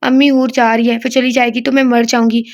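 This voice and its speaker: A woman's voice: on the high side, level tone, a little fast, close to an everyday voice. A woman voicing a distraught young woman who is frantic about her sister, pleading and asking breathless questions.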